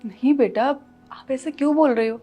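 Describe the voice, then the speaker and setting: A woman playing a meek daughter-in-law and loving mother who pleads softly and soothes her child, in a family short film. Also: high voice, moderate pace, faint music behind. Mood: soothing.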